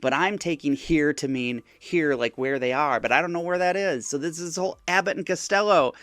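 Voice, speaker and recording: A man's voice: on the high side, fairly quick, fairly bright tone, dry recording. A man telling the story of his chat with a scammer in a casual, mocking way, often acting out the messages. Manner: wry, mocking, acts out chat messages in other voices. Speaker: scam-baiting content creator.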